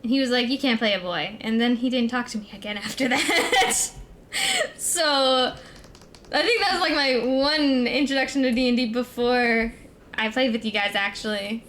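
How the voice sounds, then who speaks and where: A young woman with a high voice streams in a cute, bubbly anime-streamer manner. She chats casually with her co-host and viewers, over some background noise. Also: normal speed, fairly bright tone. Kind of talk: casual livestream chat.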